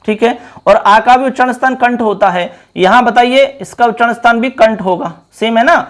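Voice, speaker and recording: A man's voice: very high-pitched, moderate pace, fairly bright tone. A man teaching a Sanskrit grammar class at a board. He explains step by step, repeats key terms and calls his viewers friends.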